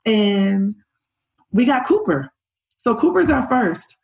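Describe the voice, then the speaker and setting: Animated woman gushing through her story. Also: on the high side, slow, gravelly. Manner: animated, gushing, acts out what others said. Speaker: fertility patient guest. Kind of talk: emotional personal storytelling.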